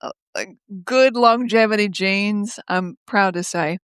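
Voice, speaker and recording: An older woman speaking as a guest over a video call from her home office, telling stories in a lively way, laughing often and acting out the voices of others. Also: medium pitch, a little slow, clear, resonant tone, no echo. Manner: lively, laughs often, acts out quoted speech. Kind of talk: casual conversational storytelling.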